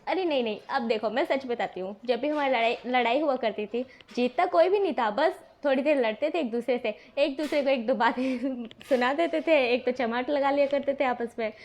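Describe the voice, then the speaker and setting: A woman's voice: sits high, fairly quick, hardly any pauses, darkish tone, highs cut off. A woman voicing a cheerful, affectionate middle-aged mother who speaks fondly and reassuringly in a storybook reading. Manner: fond, reassuring.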